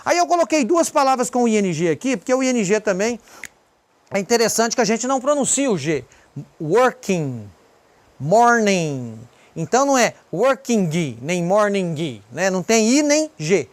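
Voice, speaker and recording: A teacher with a Brazilian Portuguese accent walks through a pronunciation lesson at an even middle pitch. Example words are repeated slowly and pointed out one by one, in a patient, explanatory way. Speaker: English teacher.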